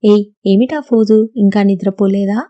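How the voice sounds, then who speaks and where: A woman's voice: medium pitch, fairly even intonation, normal speed, mellow, no room sound, dull audio, close to an everyday voice. A woman voicing a teasing but caring young female college student who coaxes her friend in a playful, earnest way. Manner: playful, coaxing.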